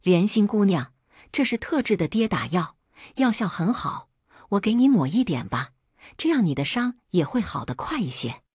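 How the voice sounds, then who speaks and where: A woman doing a brave young servant man, earnest and urging, husky voice, lively rise and fall, dry close sound. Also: mid-range voice, moderate pace, no room sound. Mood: gentle.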